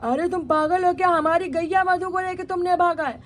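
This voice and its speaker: A woman's voice: very high voice, steady tone, moderate pace, pitched above the performer's own voice. A woman voicing a worried, bossy village father in a doll story. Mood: scolding. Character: village husband, worried middle-aged father.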